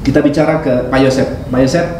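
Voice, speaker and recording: A man's voice: mid-range voice, fairly even intonation, quick pace, a little mellow. A man hosting a casual interview vlog, chatty and laughing often, with many fillers. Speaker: vlog host interviewing a guest. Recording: roomy, distant, faint noise.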